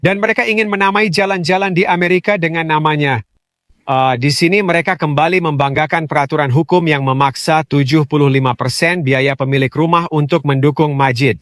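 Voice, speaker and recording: Slightly high-voiced male narrator. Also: steady tone, a little fast, a bit bright, no echo, studio quality. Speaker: voice-over narrator. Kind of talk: scripted narration.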